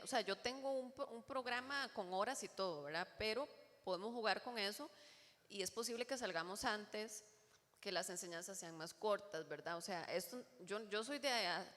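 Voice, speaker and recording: Woman church-class teacher, casual and joking, bright tone. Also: mid-range voice. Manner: chatty and joking, with asides to the room. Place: church hall. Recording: long hall reverb.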